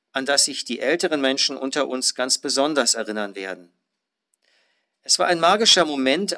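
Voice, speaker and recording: A man's voice: fairly high pitch, sharp tone. Earnest male pastor preaching. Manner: measured, earnest preaching with rising emphatic phrases. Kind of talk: sermon.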